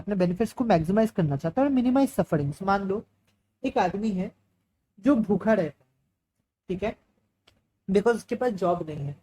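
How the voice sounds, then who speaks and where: A woman's voice: medium pitch, dark tone, slight background noise, low-quality recording. A woman with an Indian accent giving a lecture, explaining step by step and asking and answering her own questions. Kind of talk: Hinglish classroom lecture.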